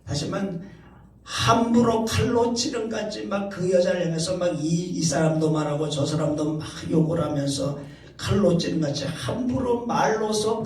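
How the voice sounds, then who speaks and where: A man's voice: high voice, darkish tone. A man preaching a sermon as pastor, explaining a passage step by step and repeating key phrases for emphasis. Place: church sanctuary. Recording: roomy echo, heard from a distance.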